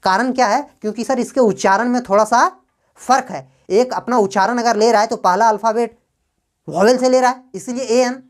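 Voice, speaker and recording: A woman teaching English grammar to a class, asking questions and answering them herself, and drawing out example words slowly. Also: on the high side.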